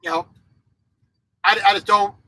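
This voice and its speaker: A man in his forties vlogs from his truck's small sleeper cab, speaking a little slowly in a high, steady, bright and forceful voice, with no room sound. He grew up in Japan as a military kid. He's blunt and opinionated in his casual monologue, frequently restarting and repeating words.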